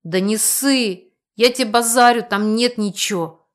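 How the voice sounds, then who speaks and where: A woman's voice: fairly high pitch, expressive, a little slow, fairly bright tone. A woman voicing a cocky, thuggish male spirit guide who talks in street slang, in an audiobook. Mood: swaggering.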